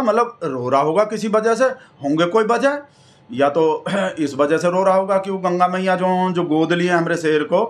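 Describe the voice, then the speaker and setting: A man, rambling through a satirical comic monologue. He talks in a mock-devoted, repetitive way, circling back on his own phrases. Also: a little high. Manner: mock-devoted rambling, repeats "bhai sahab" constantly. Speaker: satirical comedian in character.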